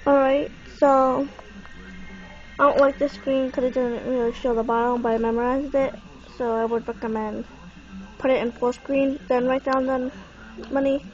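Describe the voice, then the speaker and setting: Casual tutorial presenter, young female, high pitch, congested nasal tone, dull phone recording. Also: little pitch movement, moderate pace, darkish tone, soft background music. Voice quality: stuffy, congested-sounding nasal voice. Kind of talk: casual unscripted how-to walkthrough. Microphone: handheld phone. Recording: muffled, noisy phone camera recording.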